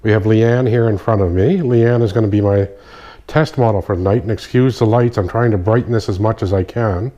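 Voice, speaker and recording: Nasal low-voiced man explaining. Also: brisk, dark tone, lo-fi sound. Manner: explanatory, stops to correct himself. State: nasal from a sinus infection. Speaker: kinesiology practitioner. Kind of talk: casual spoken demonstration. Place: indoor room at night, dim light. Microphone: phone.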